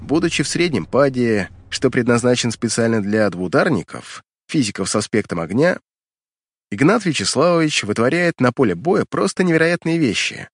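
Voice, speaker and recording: Expressive male audiobook narrator, very dry sound. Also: mid-range voice, moderate pace, dry recording. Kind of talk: dramatic scripted fiction narration.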